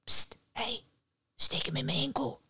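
A woman's voice: medium pitch, a little fast, no echo, clean studio sound, close to an everyday voice. A woman doing a thirsty, offhand hanged man. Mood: whispering.

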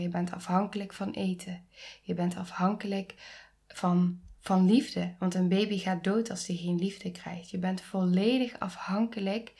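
A woman in her thirties hosting a podcast, speaking earnestly and intimately, often dropping into soft near-whispers and rising to emphatic pleas. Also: lowish voice. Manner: rises to emphatic, pleading tones. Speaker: podcast host. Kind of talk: reflective podcast monologue.

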